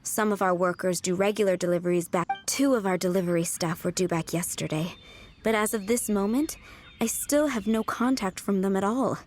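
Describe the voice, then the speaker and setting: A woman's voice: mid-range voice, fairly quick, close to an everyday voice. A woman voicing a courteous, composed head housemaid in a video game, with polite, formal phrasing. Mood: concerned. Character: poised, courteous adult female head housemaid. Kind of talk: video game character acting. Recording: music under the voice.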